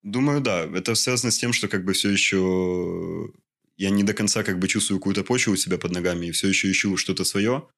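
A young man in his twenties with a very low voice answers interview questions. He talks haltingly and searches for his words. He pads his thoughts with small fillers. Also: fairly bright tone. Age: 20s. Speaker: interview guest. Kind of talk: casual interview conversation.

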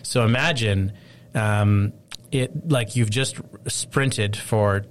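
A man telling a long personal story in casual chat, rambling and animated, full of fillers. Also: on the low side, slow, a little hiss or hum.

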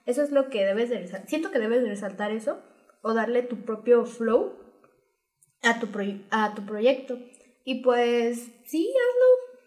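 A woman's voice: on the high side, measured pace. A woman co-hosting a podcast, chatting casually and telling stories with lots of giggling. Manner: giggly, animated storytelling. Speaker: podcast co-host. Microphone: podcast microphone. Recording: roomy echo.

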